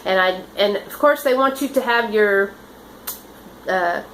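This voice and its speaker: Older woman, nurse, rambling earnest storyteller, mid-pitched, faint hiss behind. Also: measured pace, a bit bright, rough recording. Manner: rambling, earnest, with many restarts and fillers. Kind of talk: casual storytelling.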